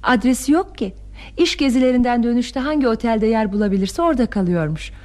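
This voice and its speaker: A young actress playing a calm, playfully confident daughter in a classic radio play. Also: female voice, fairly high pitch, fairly quick, natural voice. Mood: calm, teasing. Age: young adult. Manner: calm, teasing, self-assured. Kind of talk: 1960s Turkish radio theatre acting.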